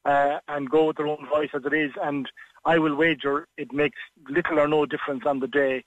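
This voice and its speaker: A man's voice: on the high side, level tone, brisk, dry recording, dull audio. A man giving frank, discursive interview advice on a radio call-in, with many fillers and restarts. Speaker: interview coach.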